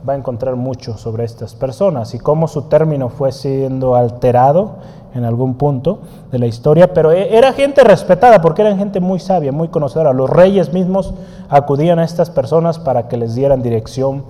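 A man's voice: fairly high pitch, lively intonation, normal speed, mellow, long reverb tail. A man teaching a Bible study lesson in a conversational way, often asking his listeners questions and writing on a board. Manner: writes on a board while teaching.

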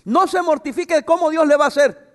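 Man, pastor mid-sermon, high voice, expressive delivery, long hall echo. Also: fairly quick. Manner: expressive preaching with asides. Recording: reverberant hall.

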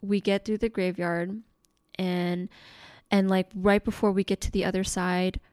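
A woman telling a story in casual chat, animated and full of "like", with casual swearing. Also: medium pitch, unhurried, smooth, no room sound.

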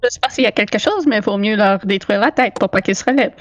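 A woman's voice: mid-range voice, quick pace, no echo. Tabletop player, woman, hesitant, dry close sound. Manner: hesitant, with fillers. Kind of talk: tabletop game player stating actions.

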